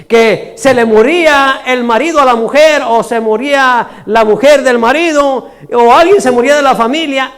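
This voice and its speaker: High-voiced, folksy preacher. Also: male voice, a bit bright. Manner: folksy, laughing, keeps saying "hermano". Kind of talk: storytelling sermon.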